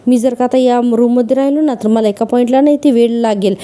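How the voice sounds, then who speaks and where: Woman voicing an anguished young man, tearful apologies, mellow low-toned voice. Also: fast, natural voice. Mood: distraught. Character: distraught young man, grieving a lost love.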